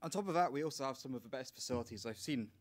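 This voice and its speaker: A man's voice: medium pitch, expressive, rapid-fire. Earnest young man giving a speech. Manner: earnest, slightly emotional delivery. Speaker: PhD student speaker. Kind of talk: prepared speech at a launch event.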